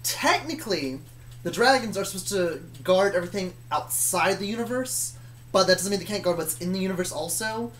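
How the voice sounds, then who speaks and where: Speaking briskly in an expressive, slightly bright mid-range voice, this storyteller wanders through tales of a fictional universe they created, hesitating and often stopping to correct themselves. A little background noise can be heard.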